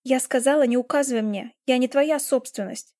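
A woman's voice: high-pitched, brisk, a little mellow, close to an everyday voice. A woman voicing a stubborn, defiant young woman who snaps back at the men. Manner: snapping, defiant.

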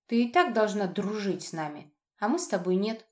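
A woman reading an audiobook, voicing a cold, haughty little girl who answers in slow, clipped words. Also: medium pitch, animated, a little mellow, natural voice.

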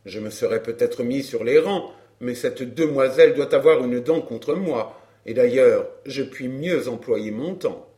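A man's voice: medium pitch, a little slow, hardly any pauses, warm tone, lightly acted. A man playing a brash, chatty flirt. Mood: glib. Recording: roomy echo.

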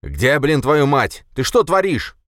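A man voicing a hot-tempered young clan head, a bullying brother who snarls and shouts threats. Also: low-pitched, normal speed, dry recording, clean studio sound, natural voice. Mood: angry. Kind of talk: audiobook character voice.

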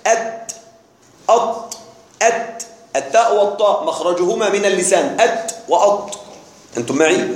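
A man teaching a grammar class, sounding out letters slowly and often checking that his students are following. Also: high-pitched. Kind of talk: classroom lecture on Arabic grammar. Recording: echoey classroom.

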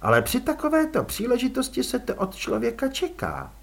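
A man's voice: very high voice, huge pitch swings, gravelly, voice pushed up, heavily acted. A man reading an audiobook and voicing an elegant, aristocratic female vampire who talks coolly and with poise. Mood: cool, poised. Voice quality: cool, poised, drawling. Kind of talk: audiobook character voice.

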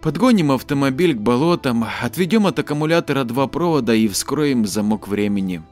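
A man's voice: medium pitch, animated, brisk, a little mellow, faint music behind, voice pushed up, close to an everyday voice. A man voicing a practical, self-assured young woman who turns snappish when irritated. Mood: easygoing. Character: young woman time traveller, sharp and practical.

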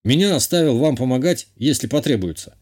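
A man voicing a loyal male bodyguard in his thirties, who speaks in a slow and deferential way in an audiobook. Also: medium pitch, expressive, darkish tone, lightly acted. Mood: reporting.

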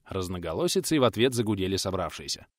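A man's voice: low voice, big pitch swings, fast talker, no echo, clean studio sound. A man narrating an audiobook, switching into folksy voices for the characters' dialogue. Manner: voices characters with old-fashioned folksy speech and lisps.

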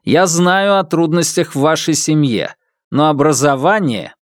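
A man reading an audiobook, voicing a stern male robot teacher with a metallic, lecturing voice, raised higher and louder than his narration. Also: expressive, measured pace, dry recording, studio quality.

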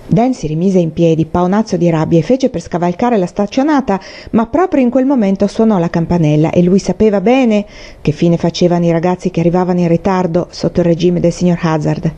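A woman reading a novel aloud as an audiobook narrator, in a steady storytelling manner. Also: lowish voice. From Italy. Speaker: audiobook reader. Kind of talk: scripted narration. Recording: dull lo-fi recording.

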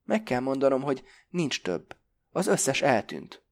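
A man voicing a gentle but firm female flight attendant. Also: mid-range voice, very animated, vocal fry, voice pushed up. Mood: apologetic.

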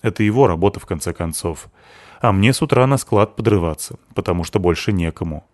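A man reading a first-person audiobook. His delivery is dry and wry, his voice low. The recording is close and dead, with no room sound. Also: animated, fairly quick, a little mellow, no room sound. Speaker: audiobook narrator.

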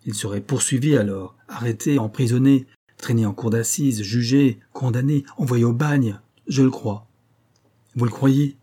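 A man's voice: mid-range voice, moderate pace, warm tone, slightly rough, close to an everyday voice. A man voicing a proud, cornered young nobleman who argues insistently, in a storybook reading. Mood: heated. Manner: heated, insistent pleading.

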